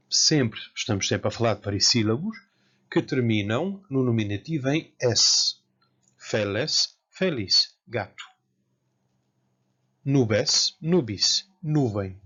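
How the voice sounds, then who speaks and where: A man from Portugal with a European Portuguese accent, giving a careful, slow lecture as a Latin teacher. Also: mid-range voice, husky. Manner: slow, careful, spells out word forms. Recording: dull lo-fi sound.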